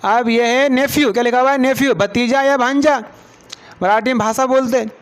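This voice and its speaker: Guy teaching english words, high clear voice, keeps asking the class whats what. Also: steady tone, normal speed. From India. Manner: repeats words and asks the class questions. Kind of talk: classroom lesson explaining vocabulary.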